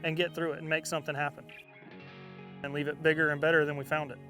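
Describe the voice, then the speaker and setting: A man's voice: fairly high pitch, flat delivery, fast, music in the background. A man speaking casually and plainly in an interview as a cattle producer.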